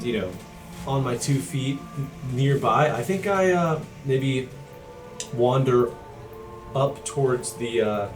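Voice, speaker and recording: A man playing a tabletop game, casually and haltingly describing what his character does. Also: mid-range voice. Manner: tentative, halting. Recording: echoey room.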